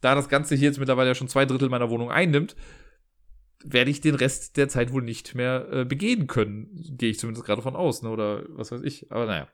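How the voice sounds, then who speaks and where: Fast-talking exasperated man ranting at home. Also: medium pitch. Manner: exasperated, chatty, often tags sentences with "ne?". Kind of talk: casual storytelling rant. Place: his living room at home.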